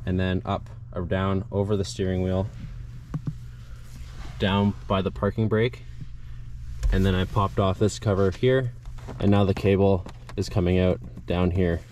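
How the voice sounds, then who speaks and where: Long pauses mark this unhurried, low-voiced young adult man, whose darkish tone barely moves in pitch. As a DIY car video host, he gives a relaxed, hands-on walkthrough step by step. Clear background noise and vehicle ambience surround him in and beside a parked car outdoors.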